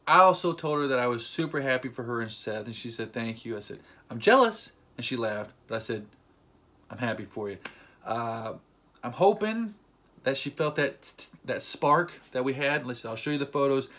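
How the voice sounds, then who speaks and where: Speaking to the camera in a relaxed vlog, a young man keeps things playful and jokey, his tone bright, expressive and forceful. His voice rests at an everyday middle pitch, and he acts out little quotes as he tells the tale.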